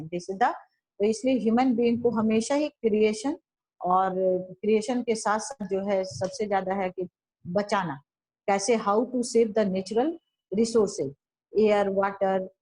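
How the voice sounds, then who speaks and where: A woman teacher giving a classroom lesson, reading lines slowly and then explaining them in Hindi, often repeating and rephrasing. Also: mid-range voice, warm tone, no room sound, low-quality recording.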